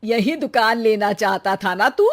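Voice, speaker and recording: A woman voicing a wise, patient older mother in an animated story, coaxing and deliberate. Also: fairly high pitch, lightly acted. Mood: knowing.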